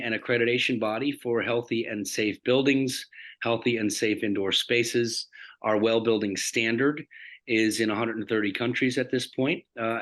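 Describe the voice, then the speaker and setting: Man, company founder, flat even tone, businesslike, lots of uh fillers, video call. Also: medium pitch. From New Jersey, United States. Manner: businesslike, steady delivery with many "uh" fillers. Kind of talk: video call panel introduction.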